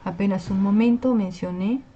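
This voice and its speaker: Patient woman teacher, mellow lo-fi. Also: mid-range voice, moderate pace, slight background noise. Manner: patient, explanatory, checks in with "¿sí?". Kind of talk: online class lecture on Spanish spelling. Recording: slightly dull lo-fi recording.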